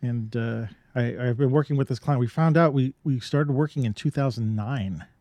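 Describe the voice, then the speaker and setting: A man co-hosts a podcast in loose, rambling casual chat, full of fillers and restarts. His mid-range voice is mellow and moderately paced, with no echo.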